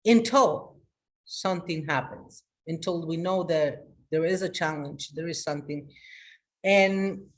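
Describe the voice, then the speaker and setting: Speaking live to her online group, a female life coach gives an energetic, emphatic motivational talk full of restarts. She alternates between booming greetings and a quieter, confiding manner, in a deep voice at an unhurried pace.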